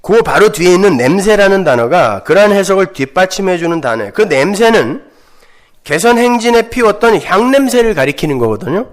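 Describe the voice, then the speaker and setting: A man's voice: high voice, sing-song, a little fast. A male pastor preaching a sermon, emphatic and often putting rhetorical questions to his listeners.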